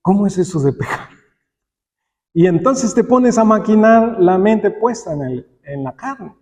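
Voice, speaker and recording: In a church hall, a man preaches aloud to his congregation, posing rhetorical questions and acting out imagined dialogues and quotes. His voice is high-pitched and expressive with a darkish tone and a measured pace, and the recording carries the long echo of a large hall.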